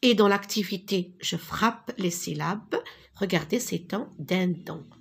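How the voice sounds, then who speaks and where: A woman with a slightly husky voice gives a reading lesson to small children. She speaks very slowly and deliberately, sounding out syllables and repeating each word so the pupils can follow. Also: lowish voice, expressive. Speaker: teacher.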